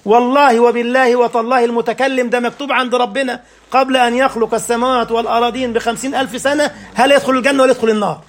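A man's voice: very high-pitched, level tone, rapid-fire. A man with an Egyptian accent teaching a religious lesson, firing rhetorical questions and checking that his listeners follow. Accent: Egyptian Arabic.

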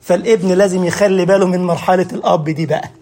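A man with an Egyptian Arabic accent preaching a sermon, telling lively stories and acting out the voices of the people he quotes. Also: high voice, racing.

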